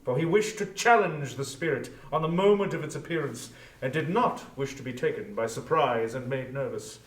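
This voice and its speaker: A man narrating a classic story as a dramatic reading, measured and formal. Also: mid-range voice. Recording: roomy echo, distant microphone.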